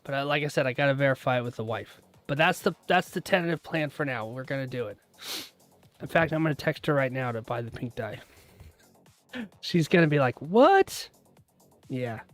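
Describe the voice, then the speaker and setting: On his live trading stream, a man talks casually with viewers in an expressive, fairly bright medium-pitched voice at normal speed. He laughs a lot and wanders into asides, with soft music playing in the background.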